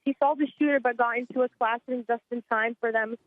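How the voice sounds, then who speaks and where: A teenage girl speaks fast in a fairly high voice, shaken and still in shock. Her voice comes through a tinny phone line. She recounts what she saw in a rapid, anxious rush. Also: fairly even intonation, no echo. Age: teens. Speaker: eyewitness student. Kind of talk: phone interview.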